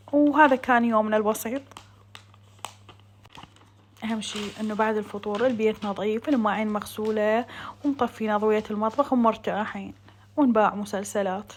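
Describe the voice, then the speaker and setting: A woman's voice: mid-range voice, steady tone, a little fast, long pauses. A woman with a southern Iraqi Arabic accent doing a casual, chatty vlog voice-over, talking to viewers like friends as a home cooking vlogger. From Iraq.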